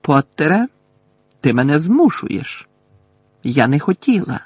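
A man reading an audiobook voices a cruel, sugary middle-aged woman professor who speaks slowly with gloating, breathy menace. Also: on the high side, sing-song, a little mellow, no echo, exaggerated voice. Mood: menacing.

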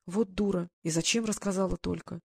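Steady audiobook narrator, dry sound. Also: medium pitch, a little fast, creaky, breathy edge, dry recording. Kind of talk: scripted narration.

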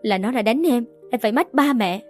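A woman's voice: a little high, expressive, brisk, a little mellow, natural voice. A woman voicing a spiteful, bratty young woman who taunts and sneers, in an audiobook. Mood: whining. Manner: sneering, mocking. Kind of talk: audiobook character voice. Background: faint background music.

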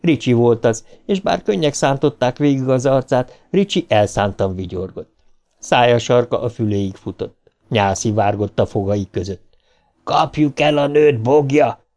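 A man's voice: medium pitch, warm tone. A man narrating an audiobook in a tense, dramatic reading style.

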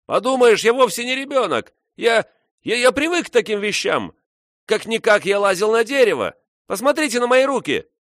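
A man's voice: sits high, big pitch swings, moderate pace, fairly bright tone, no echo, clean studio sound, voice pushed up. A man voicing a stubborn young boy who shrieks back at grown men, in a read-aloud story. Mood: shrill defiant. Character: shrill defiant young boy in a crowd.

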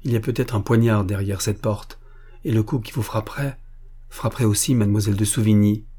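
A man's voice: lowish voice, steady tone, fairly quick, mellow, husky. A man doing a firm, protective companion. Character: protective, resolute male companion.

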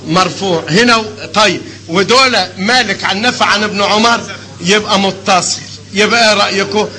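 An older man with an Egyptian Arabic accent teaching a hadith class, animated and constantly quizzing his students with questions. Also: high-pitched, moderate pace, low-quality recording. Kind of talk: classroom lecture.

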